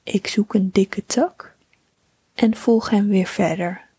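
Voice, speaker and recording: A woman reading a bedtime story for children in a soft, whispering, soothing voice. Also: medium pitch, husky, no echo. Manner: slow, soothing, calm.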